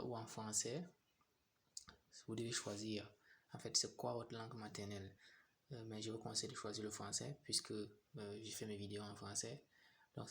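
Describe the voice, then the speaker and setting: A young man explains an app setup one step at a time, pausing and repeating phrases as he goes. His voice sits low and gravelly, with a flat, even delivery. A faint noise hums under the recording. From Cameroon. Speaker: tutorial host. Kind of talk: screen-recorded phone app tutorial.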